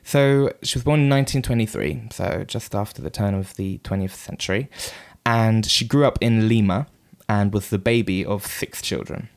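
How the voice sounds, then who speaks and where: A man co-hosting a podcast, telling a story in a relaxed, casual way with lots of ums and asides. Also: lowish voice, moderate pace, few pauses. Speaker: podcast co-host.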